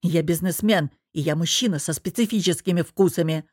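A woman's voice: lowish voice, a little fast, husky, no room sound, studio quality. A woman voicing an angry, domineering businessman husband who growls and presses hard. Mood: furious. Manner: growling, forceful.

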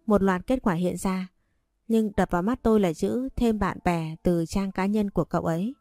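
A woman narrating a romance story in the first person, reading in an even, unhurried way. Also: medium pitch, dry recording.

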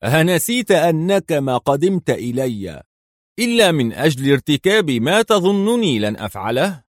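A man voicing a calm, sarcastic secret agent hero. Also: a little high, moderate pace, dry recording, clean studio sound, pitched above the performer's own voice. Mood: sardonic. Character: cool, sardonic male secret agent hero.

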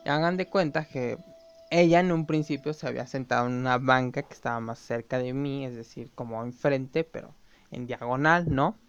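A man's voice: medium pitch, normal speed, clean tone, dry recording, muffled recording, faint music behind. A young man telling a rambling, gossipy story as a vlogger. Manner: rambling and gossipy, full of fillers and tag questions. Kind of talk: casual storytelling.

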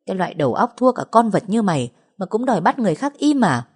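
A woman's voice: medium pitch, big pitch swings, fast talker, voice pushed up. A woman voicing a fierce, protective older sister who harshly scolds a younger woman. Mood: harsh scolding. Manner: scolding, rough.

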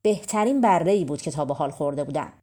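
A menacing fairy-tale ogress, put on by a woman reading aloud, roaring her accusations in a voice louder and a touch higher than the reader's own. Under the bluster the tone stays warm and low. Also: lively intonation. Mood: sly. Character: menacing female ogress, sly and threatening.

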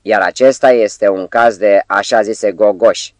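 A bleating, goat-like trickster taunts with mock politeness and open menace, as a man puts him on for an audiobook. The voice sits fairly low beneath the bleat. The recording is dry and close. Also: steady tone, no room sound, lightly acted. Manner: mocking, menacing. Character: mocking male sidekick with bleating voice.

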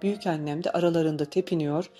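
A woman reading a novel aloud as an audiobook narrator, in calm, measured storytelling. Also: sits low, soft background music. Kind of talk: scripted narration.

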